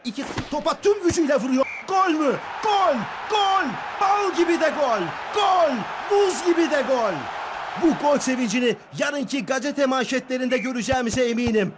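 A screaming football commentator from a video game, with a very high-pitched voice. He is excitable and openly partisan, shouting his goal calls at full force over clearly noisy stadium ambience. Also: brisk, few pauses. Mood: ecstatic, screaming.

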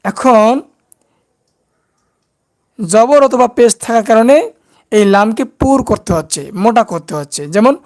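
A man teaching Quran recitation step by step, slowly drilling syllables and asking and answering his own questions. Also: high voice.

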